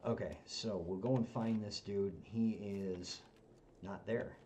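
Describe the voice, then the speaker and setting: A man hosting a game stream, chatting casually and jokingly, often halting with fillers. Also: lowish voice, steady tone, warm tone, a little hiss or hum. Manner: joking, halting, many uhs. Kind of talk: casual chat while playing.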